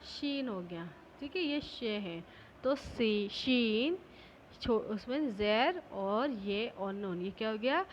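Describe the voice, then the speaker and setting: A woman's voice: on the high side, expressive, slow pace, muffled recording, a little hiss or hum. A woman school teacher giving a patient classroom lesson, asking questions and answering them herself. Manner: patient, repeats each point, asks and answers itself.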